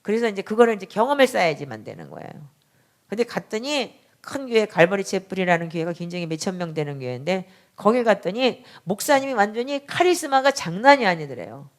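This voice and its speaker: A woman's voice: mid-range voice, quick pace. Woman pastor telling a family story. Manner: animated storytelling, acting out quoted dialogue. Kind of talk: sermon with personal story.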